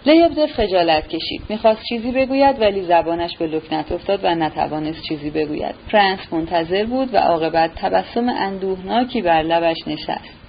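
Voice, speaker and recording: A woman narrating a classic novel in an even, measured audiobook reading. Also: on the low side, highs cut off, slight background noise.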